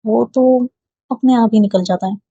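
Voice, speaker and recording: A woman's voice: mid-range voice, normal speed, warm tone, breathy edge, dry recording, muffled recording. A woman voicing a playful, confident young woman in love, speaking in a teasing, tender way, in a storybook reading. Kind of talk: storybook dialogue read aloud.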